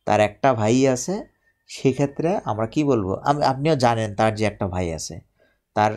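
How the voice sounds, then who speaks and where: A man's voice: mid-range voice, a little mellow. Man teaching grammar live, step by step. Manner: repetitive, explains step by step, asks viewers to confirm. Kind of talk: live online lesson explaining to viewers.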